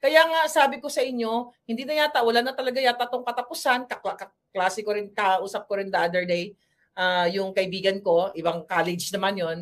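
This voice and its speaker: A woman from the Philippines giving a blunt, combative political commentary monologue, chatting freely and switching between Tagalog and English. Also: medium pitch.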